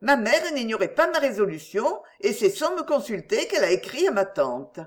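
A proud young woman with short, frank answers, read by a woman narrator. Her voice moves lively in pitch. Nothing soft about her. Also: normal speed. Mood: cool. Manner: terse, frank.

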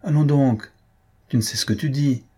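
Man playing a blunt, cynical society gentleman. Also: fairly low pitch, moderate pace, husky. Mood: mocking. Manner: blunt, mocking, sententious. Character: worldly cynical gentleman, big sonorous voice.

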